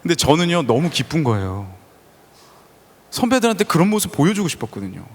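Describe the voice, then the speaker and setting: A fairly high-voiced man preaches with a lively, swooping delivery, drawing his listeners in with stories. His voice rings out in a church hall with a long reverb. He slips into the voices of the people in his stories. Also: a little fast, a little hiss or hum. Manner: animated storytelling, voices quoted people. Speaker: pastor. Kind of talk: lively sermon with acted-out quotes. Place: church sanctuary.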